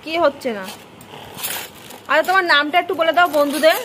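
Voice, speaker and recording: A woman's voice: sits high, moderate pace, pushed and bright, slight background noise. A young woman filming a casual family vlog, chatting with her child and the viewers, teasing and scolding by turns. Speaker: mother and vlogger.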